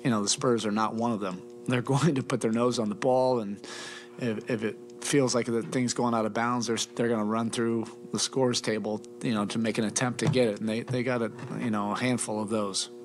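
At a table mic in a press room, a middle-aged head coach addresses a postgame press conference. His mid-range voice holds a steady tone as he speaks carefully and haltingly, often restarting and using lots of fillers.

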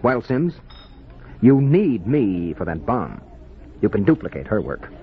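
An actor playing a desperate, protective husband on the run in a 1950s radio drama. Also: male voice, lowish voice, very animated, unhurried. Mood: grim resolve. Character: desperate, protective husband fleeing a future war. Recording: muffled, noisy old radio recording.

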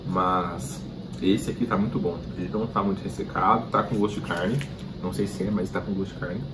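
Brazilian man, lowish voice, talking while chewing, casual food-review chat over clear background noise. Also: steady tone, a little fast. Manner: chatty, addresses viewers directly.

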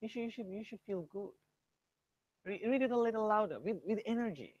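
A man's voice: high-pitched, lively intonation, a little fast, no room sound, dull audio. A man with an Indian accent teaching an English grammar class. He switches between English and Hindi and quizzes students by name.

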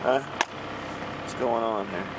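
A man's voice: mid-range voice, drawn-out words. A man driving a truck, talking casually to his viewers and muttering to himself as he drives, with casual swearing. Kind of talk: casual running commentary while driving. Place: inside a truck cab, driving at dusk. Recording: engine and road noise in the cab.

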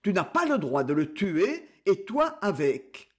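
A man voicing a gentle elder brother from the countryside, who speaks softly, consoling and earnest. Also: sits high, wildly swooping pitch, unhurried, full character voice.

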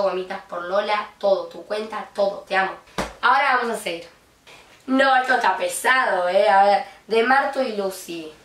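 An excitable young Argentine woman opens gifts on her vlog, gushing and squealing between slow, unhurried remarks. Her voice bounces around a roomy space and sits some distance from the mic, with faint noise underneath. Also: medium pitch. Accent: Argentine Spanish. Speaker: vlogger. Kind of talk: unboxing vlog.

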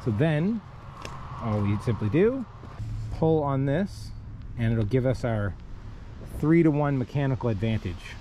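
A man's voice: medium pitch, lively intonation, a little slow, pauses often, dark tone, a little hiss or hum. Methodical man demonstrating rope rigging outdoors. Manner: plain, methodical, talks while rigging by hand. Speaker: kayak rescue instructor. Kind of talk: step-by-step instructional demo. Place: outdoors on a rocky riverbank. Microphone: wearable camera on body.

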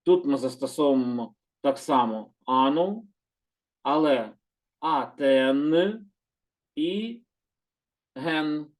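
A man teaching a calm, slow lesson, gently repeating words and patiently correcting himself. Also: mid-range voice. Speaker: Hebrew teacher.

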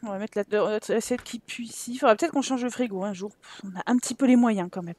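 A woman commenting on her life-sim game playthrough in a chatty, animated way, laughing often and exclaiming at what happens on screen. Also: mid-range voice, fast, dry recording. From France. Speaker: gaming YouTuber. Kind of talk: Let's Play commentary.

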